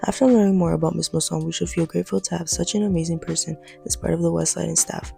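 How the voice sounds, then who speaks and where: A teenage woman reading a scripted news report as a student reporter, brisk and even. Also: on the low side, vocal fry, soft background music.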